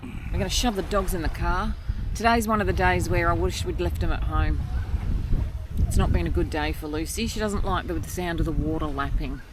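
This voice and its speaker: A man's voice: fairly high pitch, fairly quick. A man co-hosting a travel vlog, laughing and teasing in easy chat on a beach at sunset. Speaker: vlog co-host. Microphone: handheld phone camera. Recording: outdoor noise on a beach.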